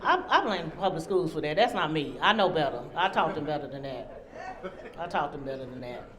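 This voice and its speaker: A woman from Oklahoma performing a stand-up comedy set in a club, working the crowd and acting out quotes in lively bursts. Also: low-pitched, fairly quick. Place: comedy club stage before a live audience.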